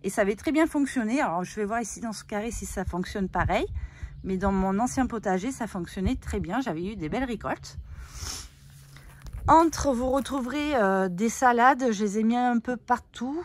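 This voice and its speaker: A woman's voice: a little high, expressive, moderate pace, slight background noise. A woman giving a chatty, explanatory walkthrough of her vegetable garden outdoors, with frequent fillers. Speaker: gardening vlogger.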